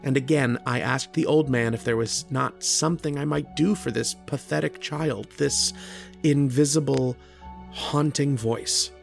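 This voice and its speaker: A man with a mid-range voice and vocal fry plays an earnest, kindly, struggling writer narrating an old-time radio horror drama. He speaks at a measured pace, reflective and hesitant, in a pensive, hushed mood over faint music.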